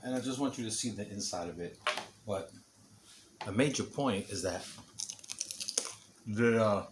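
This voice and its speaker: A man with a fairly low voice talks his way through a home cooking demonstration in an easygoing, joking manner. He is recorded on a camera mic in his kitchen, with faint clinking of dishes and pans behind him. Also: measured pace, background noise. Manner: chatty, joking, talks while eating. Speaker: home cooking video host. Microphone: camera mic, no camera operator.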